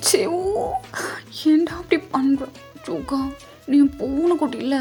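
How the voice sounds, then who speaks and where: A man's voice: very high voice, steady tone, slow pace, a little mellow, voice pushed up, full character voice. A woman voicing a flustered young man who whines and protests, with faint music underneath. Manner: whiny, protesting.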